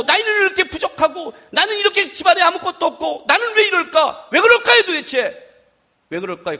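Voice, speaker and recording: A man preaching a sermon as pastor at a worship service, playful and lively, acting out dialogue and firing rhetorical questions at the congregation. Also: very high voice.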